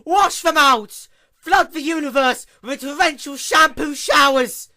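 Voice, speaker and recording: A man's voice: extremely high pitch, measured pace, sharp tone, voice pushed up, exaggerated voice. A man voicing a distraught, hysterical female pony princess of the night with frantic, wailing delivery.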